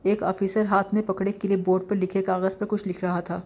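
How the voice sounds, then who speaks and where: A woman reading a novel aloud as an audiobook narrator, with a steady, even delivery. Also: mid-range voice.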